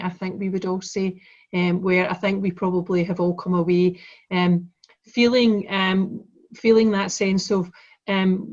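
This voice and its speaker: Broad Glaswegian woman, very even pitch. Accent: broad Glaswegian Scottish. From Glasgow, Scotland. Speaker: conference chair giving opening remarks. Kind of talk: welcome address on a video conference. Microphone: video call microphone. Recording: dull lo-fi video-call audio.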